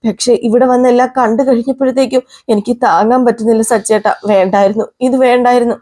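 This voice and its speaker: A woman's voice: fairly high pitch, fairly even intonation, fast talker, mellow, natural voice. Woman voicing Revathi, a pleading young wife. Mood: distraught. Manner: pleading, emotional appeals.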